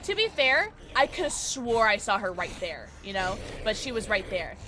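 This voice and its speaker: A woman livestreaming a game with a cute, high anime-girl voice, chatting with viewers in a playful, excitable, reactive way. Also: normal speed, a little hiss or hum. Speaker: livestream host playing a horror game. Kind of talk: casual livestream chat and game commentary.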